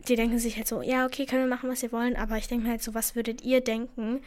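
A teenage girl from Afghanistan talks in a relaxed, casual chat. Her voice sits a little high, and she tells her stories in an animated, indignant way. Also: very fast. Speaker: student talking about school.

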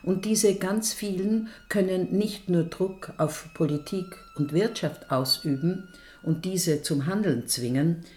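Older woman, very low voice, dark tone, rousing encouraging appeal. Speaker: elderly climate activist. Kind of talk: scripted appeal.

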